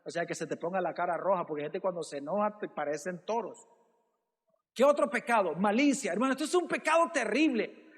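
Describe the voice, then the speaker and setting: High-voiced male pastor preaching in a reverberant hall. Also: expressive, brisk. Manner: preaching with repeated "hermano" and rhetorical questions. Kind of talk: sermon. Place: church.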